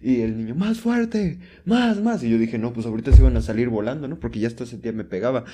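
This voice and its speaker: Young Mexican guy, co-host, mellow tone, rambles and mimics voices in his stories. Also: steady tone, rapid-fire. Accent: Mexican Spanish. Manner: rambling storyteller, acts out shrill quotes. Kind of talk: casual chat.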